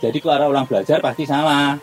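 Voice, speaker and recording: A middle-aged man from Java with a Javanese accent, a guest interpreter speaking in an emphatic, animated casual interview. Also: on the high side, fast talker, soft background music, rough recording. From Java, Indonesia.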